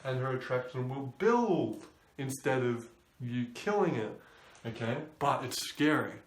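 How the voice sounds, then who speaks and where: A man's voice: mid-range voice, animated, measured pace. Young man giving casual dating advice in an echoey room. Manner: loose, conversational, acts out quoted thoughts. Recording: roomy echo.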